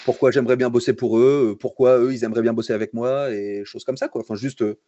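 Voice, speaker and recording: A man's voice: medium pitch, fast, no room sound. A young man from France chats as a guest. His talk is loose and friendly, full of fillers, jokes and false starts. His mid-range voice comes through on a dry mic with a slightly dull sound. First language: French. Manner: relaxed, joking, many fillers and restarts. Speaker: guest concept artist. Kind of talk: casual storytelling in a livestream interview.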